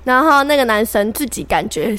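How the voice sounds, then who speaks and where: Fast-talking high-voiced young woman. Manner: animated storytelling, acting out quoted voices. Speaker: podcast co-host. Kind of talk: casual chat between friends.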